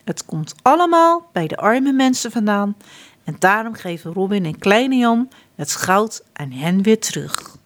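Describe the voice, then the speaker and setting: A woman reading a children's storybook aloud, expressive and hushed at times. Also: mid-range voice, unhurried.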